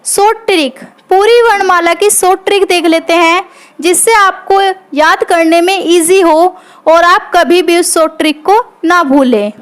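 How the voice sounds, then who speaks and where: A woman's voice: extremely high pitch, a bit bright. A woman teaching grammar in a coaching-class lesson, patient and repetitive, often checking in with her students. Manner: patient, repeats points, checks in with "theek hai". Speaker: Hindi teacher.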